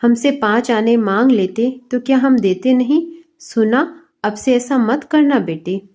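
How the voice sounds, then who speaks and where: A woman's voice: fairly high pitch, a little slow, darkish tone, natural voice. A woman voicing a stern middle-aged father who presses his young son with scolding questions, in a storybook reading. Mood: coaxing.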